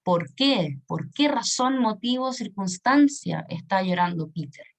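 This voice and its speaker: A woman's voice: medium pitch, lively intonation, unhurried. A woman, teaching an English grammar lesson in a patient way, repeating points and checking that students follow. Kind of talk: recorded online lesson explaining grammar.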